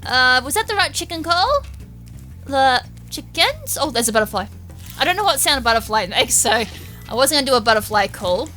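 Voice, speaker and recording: A woman with an Australian accent giving chatty, excitable let's-play commentary and poking fun at herself. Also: sits high, fast talker, faint music behind. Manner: excitable, chatty, self-mocking. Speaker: gamer.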